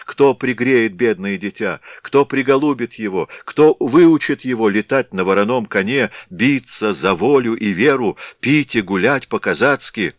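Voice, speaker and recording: A man's voice: fairly low pitch, a bit bright, no room sound, studio quality. A man voicing a desperate young Cossack wife who pleads in a raised, impassioned voice.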